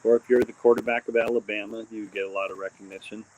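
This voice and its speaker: A man born in Texas and raised mostly in Indiana, an adult with a daughter, hosts a casual livestream, rambling with lots of fillers and restarts while crickets chirp behind him. His lowish, darkish voice moves quickly with little pitch movement. The recording is rough, with a little hiss or hum.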